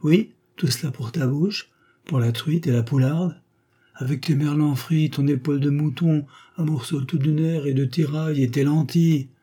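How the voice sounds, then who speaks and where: A man putting on a nagging bourgeois wife, her voice pushed up high and loud with a husky edge. She snaps and scoffs, all impatience and scorn, in a storybook reading. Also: fairly even intonation, normal speed. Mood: scolding. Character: sharp-tongued bourgeois wife, scolding and impatient.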